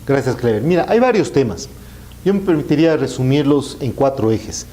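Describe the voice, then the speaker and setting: Male Ecuadorian politician as interview guest, mellow but emphatic, animated intonation. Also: medium pitch, moderate pace, a little hiss or hum, low-quality recording. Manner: emphatic, enumerates his points.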